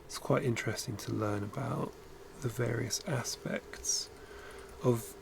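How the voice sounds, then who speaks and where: Gravelly British man rambling on stream. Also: medium pitch, steady tone, a little slow, noisy background. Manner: rambling, musing aloud with filler words. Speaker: animation streamer. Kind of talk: casual chat while drawing on stream.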